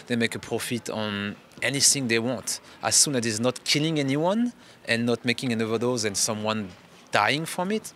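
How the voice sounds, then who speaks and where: A man's voice: mid-range voice, expressive, normal speed, a bit bright, slight background noise. A French man speaking English as a second language in a casual interview, reflective and restarting his phrases often. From France. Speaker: interview guest.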